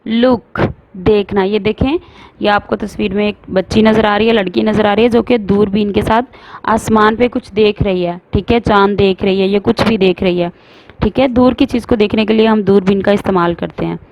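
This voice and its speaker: A woman teaching phonics to young children, sounding out words slowly and explaining in Hindi mixed with English. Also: mid-range voice, steady tone, a little mellow, rough recording. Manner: slow, drawn-out sounding out of words.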